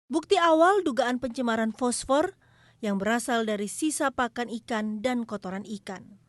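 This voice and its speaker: Woman reporter, measured news narration. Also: fairly high pitch, dry recording. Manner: measured investigative delivery.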